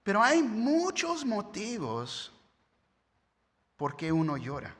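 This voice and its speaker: A man's voice: high voice, wildly swooping pitch, takes it slowly, fairly bright tone. A man, preaching a sermon as pastor in a conversational way, often asking "right?". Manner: conversational preaching with tag questions. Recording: long hall reverb.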